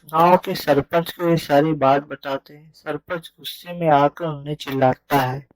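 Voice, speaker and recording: A man's voice: on the high side, fairly even intonation, normal speed, dry recording, low-quality recording. A man narrating a village ghost story as a storyteller.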